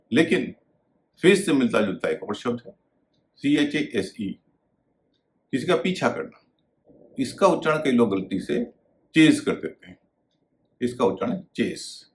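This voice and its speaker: A man's voice: on the low side, a little hiss or hum. A man teaching English pronunciation, spelling out letters and contrasting word pairs. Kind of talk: pronunciation lesson.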